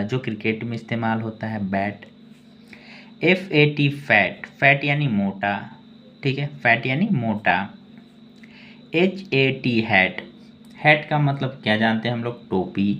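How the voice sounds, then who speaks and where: A man's voice: mid-range voice, a bit bright. A man teaching English word reading, who spells each word letter by letter and repeats it. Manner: spells words letter by letter, then repeats them; often says "okay" between explanations. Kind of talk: slow spelling and reading lesson. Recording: dull, lo-fi sound with faint ambient noise.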